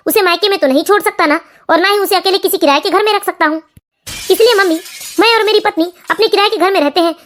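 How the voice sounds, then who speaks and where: A woman voicing a grown son who firmly lectures his mother and wife in an animated family story. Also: extremely high pitch.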